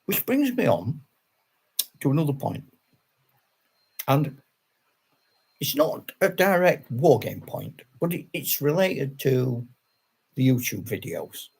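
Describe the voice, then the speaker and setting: Chatting to viewers of his wargaming channel, an older man from Yorkshire delivers a casual, rambling, self-deprecating monologue to camera, chuckling often. He speaks slowly at a medium pitch with big pitch swings and long pauses, his voice creaky, husky and darkish.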